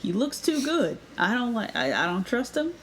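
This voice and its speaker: A woman's voice: a little high, big pitch swings, normal speed, slight background noise. A woman co-hosting a podcast, trading wry, skeptical quips in casual chat about a reality show. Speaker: podcast co-host.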